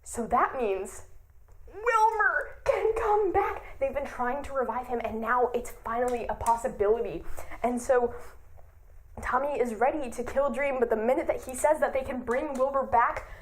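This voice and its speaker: A young woman casually retelling a story for her channel, excitable, often laughing and gasping, with lots of "like". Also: sits high, normal speed. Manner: excitable, laughs and gasps often, says "like" a lot. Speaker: YouTuber.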